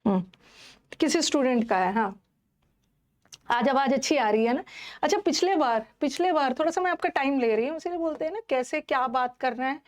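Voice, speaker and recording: A woman's voice: sits high, animated, brisk. A woman teaching an English class online, who scolds her students indignantly and mixes English words into her speech.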